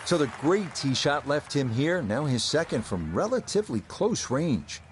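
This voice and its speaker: A man playing a polished golf commentator, calling play-by-play in a measured broadcast style for a video game. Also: fairly high pitch, sing-song, a faint crowd, a little hiss or hum. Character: male TV golf play-by-play announcer. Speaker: golf commentator, lead announcer.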